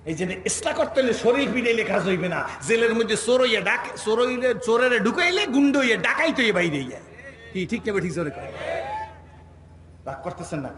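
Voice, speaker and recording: A Bangladeshi man, preaching a sermon at an outdoor religious gathering and teasing the crowd into shouting responses. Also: high-pitched, animated, fairly quick. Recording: echoey outdoor PA with crowd noise.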